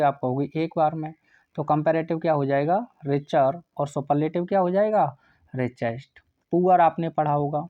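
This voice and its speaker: A man's voice: fairly high pitch, no room sound. Dry-voiced male grammar teacher. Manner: asks students questions and answers them himself. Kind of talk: exam-prep lesson. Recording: dry, slightly dull sound.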